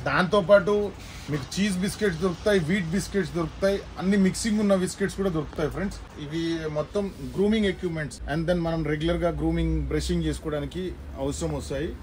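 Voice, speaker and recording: A man's voice: fairly high pitch, fast talker. A young man with a Telugu accent walking viewers through a pet shop, explaining products in a chatty, informal way. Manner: chatty, explanatory, mixes English words into Telugu. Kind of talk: casual shop tour for viewers. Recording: faint background noise.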